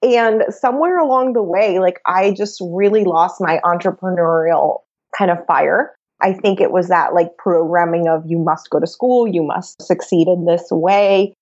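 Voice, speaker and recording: A woman in her thirties from Venezuela chats as a guest on a business podcast, rambling happily with lots of "like" and frequent laughter. Her voice is on the low side for a woman. The sound is dull and lo-fi, as if from a remote line. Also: normal speed, a little mellow. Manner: chatty, laughs often, many "like"s. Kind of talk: casual interview chat.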